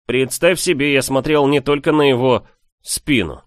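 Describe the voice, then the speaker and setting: A male narrator voicing a lively, teasing young man in an audiobook, talking in a raised, animated voice. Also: medium pitch, brisk, no echo, clean studio sound, pitched above the performer's own voice, natural voice. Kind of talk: audiobook character voice.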